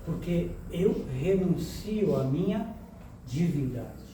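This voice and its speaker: A man's voice: on the high side, takes it slowly, recorded from a distance. A man giving a spiritual lecture, quizzing his audience and joking with them. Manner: lively, questions the audience and jokes. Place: lecture hall. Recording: echoey room, speaker away from the mic, noise behind.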